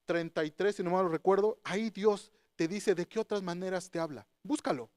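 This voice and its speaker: Man, preacher, high voice, dry close sound. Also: fairly quick, a little mellow, no echo. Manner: storytelling, rhetorical questions to listeners. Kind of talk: sermon with personal story.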